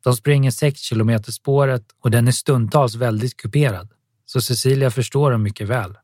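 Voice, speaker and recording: A man reading an audiobook novel aloud in a steady scripted narration. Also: mid-range voice, dry recording, studio quality.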